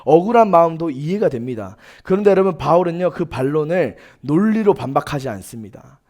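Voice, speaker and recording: A man's voice: on the high side, animated, brisk, a little mellow. A young man preaching a sermon as youth pastor, earnest and emphatic, telling personal stories with quoted dialogue. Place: church sanctuary.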